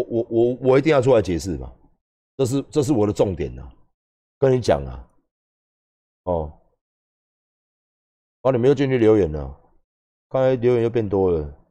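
Swearing, ranting Taiwanese livestream host. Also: male voice, fairly low pitch, very animated, moderate pace, pauses often. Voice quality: loud, swings between yelling and muttering. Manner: shouting profanity, mocking impressions. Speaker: livestream host, gym owner. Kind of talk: angry livestream rant.

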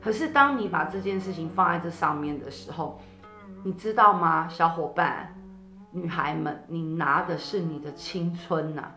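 Woman co-host, lively coaxing chat, echoey room with faint music behind. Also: on the low side, moderate pace. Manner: animated, laughs often, coaxing listeners. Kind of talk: casual chat about zodiac fortunes.

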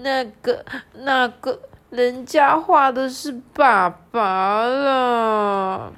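A woman's voice: fairly high pitch, fairly even intonation, extremely slow, a bit bright, pitched above the performer's own voice, exaggerated voice. A woman voicing a weepy little girl dinosaur in a storybook, whiny and sulky. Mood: timid.

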